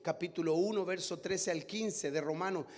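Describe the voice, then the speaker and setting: High-voiced impassioned pastor preaching. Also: male voice, normal speed. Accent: Latin American Spanish. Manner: impassioned, swings from loud declarations to hushed low asides. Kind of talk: sermon. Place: church hall. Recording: church hall with long reverb, faint music.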